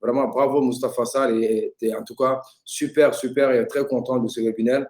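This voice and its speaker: Middle-aged male university representative, relaxed dark timbre, repetitive impromptu webinar thanks. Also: mid-range voice. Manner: repetitive, halting phrasing. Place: online video call.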